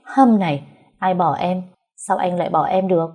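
A woman voicing a calm, teasing young male boyfriend who speaks quietly. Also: lowish voice, moderate pace, husky.

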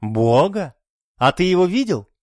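A man's voice: high voice, sing-song, a little slow, darkish tone, no room sound, studio quality, voice pushed up. A man voicing an obsessed young male scientist chasing immortality, fervent and scornful. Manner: fervent, scornful, rising to outbursts.

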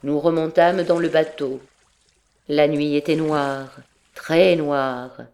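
A woman narrating an audiobook in a measured, steady storytelling manner. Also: deep voice. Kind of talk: scripted narration.

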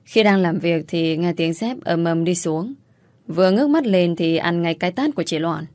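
Woman, story narrator, first person, steady reading, lowish voice, dry close mic. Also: moderate pace, no echo.

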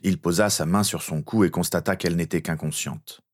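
A man narrating a fan-fiction story as an audiobook in a steady, earnest way. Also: sits low, brisk.

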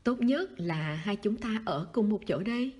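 A woman reading the lines of a wistful, quiet teenage schoolboy in a soft, husky voice. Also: expressive, unhurried. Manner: soft, low-key, sighing.

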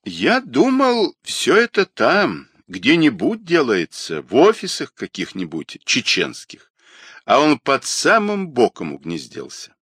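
Guilt-ridden young trader, self-pitying, read by a male narrator, swooping wide in pitch. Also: huge pitch swings, slow pace, fairly bright tone, slightly rough, no room sound, clean studio sound, exaggerated voice. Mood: rueful.

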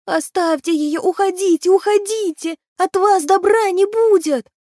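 A woman voicing a tiny, shaggy, frightened male creature with a thin, high, pleading voice. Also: measured pace, mellow, no room sound, studio quality.

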